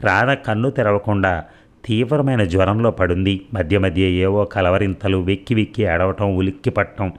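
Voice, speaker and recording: A man narrating a novel as an audiobook in a steady, measured storytelling manner. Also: low voice. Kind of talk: novel reading.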